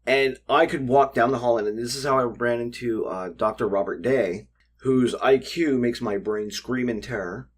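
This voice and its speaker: Man, 40s, podcast co-host, husky, rambling joker. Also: mid-range voice, moderate pace. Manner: rambling, jokey storyteller. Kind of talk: unscripted convention chat.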